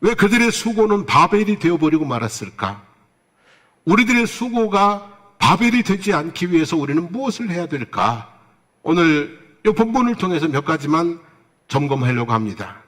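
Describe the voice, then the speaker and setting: A man's voice: fairly high pitch, big pitch swings, normal speed, fairly bright tone. A man preaching a Sunday sermon as pastor, who asks his congregation questions and answers them himself, with playful asides. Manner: tells jokes with playful asides.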